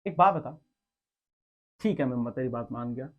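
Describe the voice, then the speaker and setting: A man tutoring physics at a board, coaxing and teasing his student and checking again and again that it is clear. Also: medium pitch, animated, moderate pace. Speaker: physics teacher. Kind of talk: blackboard tutoring session. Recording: dull lo-fi recording.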